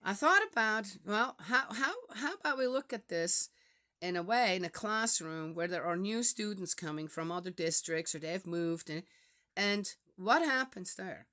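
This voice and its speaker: A woman's voice: mid-range voice, expressive, normal speed, bright, forceful tone. A woman from Switzerland with a Swiss German accent, talking in a reflective, casual way with many fillers and restarts.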